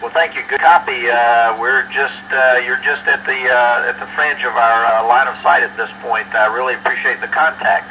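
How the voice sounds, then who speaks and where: A man working ham radio contacts from orbit, reading call signs in phonetic letters and pausing often with uh. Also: mid-range voice, fairly even intonation. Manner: halting, many uh fillers, call-sign phonetics. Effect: ham radio transmission. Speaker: astronaut ham radio operator. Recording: lo-fi distant radio with faint hiss.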